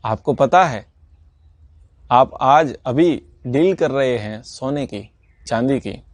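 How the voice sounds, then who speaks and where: A man gives an earnest, sermon-like scripture lesson and drives home each point by repeating it. His voice sits at a middling pitch. The recording is dry, with no room echo. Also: expressive, slow. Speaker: teacher of a scripture class.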